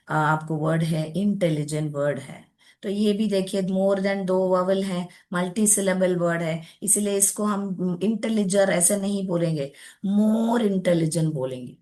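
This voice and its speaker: Young woman, classroom teacher, slow and patient, explains step by step, mixes in English words. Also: lowish voice, a little mellow. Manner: patient, explaining step by step, addresses pupils as child. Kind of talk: classroom grammar lesson.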